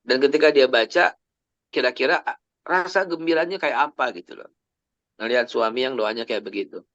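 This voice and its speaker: A man's voice: medium pitch, a little fast, a bit bright, no echo. A man, telling personal stories in a chatty family sermon and sprinkling in English phrases. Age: 50s. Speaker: Islamic preacher. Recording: dry, slightly dull lo-fi recording.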